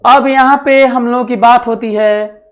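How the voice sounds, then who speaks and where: Male physics teacher, lecturing slowly, repeats himself, quizzes and dictates to the class. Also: very high-pitched, steady tone. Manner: repeats phrases, mixing English terms into Hindi; asks the class questions and dictates notes. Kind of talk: classroom lecture for exam students.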